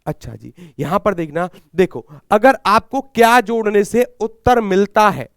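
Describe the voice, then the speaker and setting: A man with a Haryanvi accent leads a live exam-prep class in a fairly high, clean voice. He fires questions at his students and answers them himself, repeating each key term. His throat is a little sore, and the sound is dry and close. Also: expressive, a little slow, clean tone, no room sound. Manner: repeats key words, calls himself guruji. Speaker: Hindi exam teacher.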